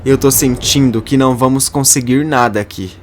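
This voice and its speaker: A man's voice: mid-range voice, moderate pace, slight background noise, natural voice. A man voicing a grieving, determined young daughter in a narrated soap opera summary.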